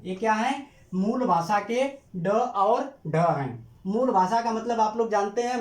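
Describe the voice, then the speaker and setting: A man's voice: high voice, a little mellow, reverberant. A man teaching a grammar lesson, asking questions and answering them himself, stretching out key terms as he repeats them. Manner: drawn-out emphatic repetition of terms.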